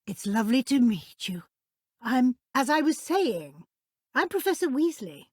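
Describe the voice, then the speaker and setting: A brisk, kindly witch professor in middle age for a fantasy video game. Her British voice sits a little high. She speaks in precise, formal, instructive phrases, recorded very dry with no room sound. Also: big pitch swings, a little mellow, slightly rough, no echo, heavily acted. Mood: welcoming.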